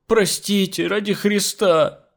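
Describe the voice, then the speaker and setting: A man's voice: on the high side, expressive, unhurried, a little mellow, pitched above the performer's own voice. A man reading an audiobook, voicing an old, pious, superstitious housemaid who whines. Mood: whining. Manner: whining, superstitious. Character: old frightened woman servant, pious and whining.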